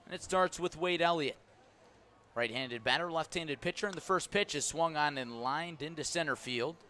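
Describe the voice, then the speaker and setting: Pushed and bright, this high-leaning male voice moves at normal speed as an American man delivers live radio play-by-play of baseball. The broadcast is live, with background noise and ballpark sounds behind him.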